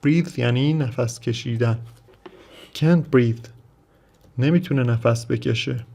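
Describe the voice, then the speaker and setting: A Persian-speaking man teaching English vocabulary, reading each English phrase slowly and then explaining it. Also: medium pitch, vocal fry, mellow. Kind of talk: vocabulary lesson.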